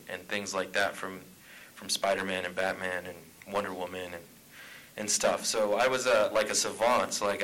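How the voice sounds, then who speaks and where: Male panel guest from Arizona, lower pitch with a bright, forward tone, loose and jokey. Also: poor audio. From Tucson, Arizona. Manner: chatty, joking, laughs often. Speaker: comic writer, panel guest. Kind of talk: panel talk at a convention. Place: convention panel room.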